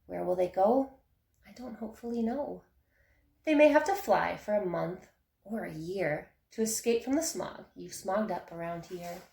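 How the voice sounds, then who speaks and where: A woman's voice: medium pitch, normal speed, creaky, dark tone, lightly acted. A woman voicing a small, grumpy male forest creature who scolds and complains, read aloud from a storybook. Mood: scolding. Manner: scolding, indignant. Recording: echoey room.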